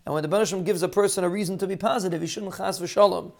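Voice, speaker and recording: A man with a Yiddish-inflected accent giving an informal sermon in an earnest, halting, emphatic way, often repeating phrases. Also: high voice, steady tone, vocal fry, a little mellow. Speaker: religious speaker giving a short daily talk.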